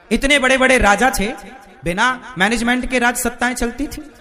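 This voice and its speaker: Speaking in a very high, pushed, bright voice, a male preacher addresses a live audience with a devotional sermon. He keeps throwing rhetorical questions at those listening.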